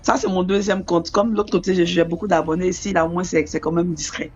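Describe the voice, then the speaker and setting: A woman's voice: lowish voice, fairly even intonation, fairly quick, dull audio, music in the background. A woman caller rambling through a personal dream story, full of fillers and restarts. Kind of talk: telling a personal dream story on a call-in show.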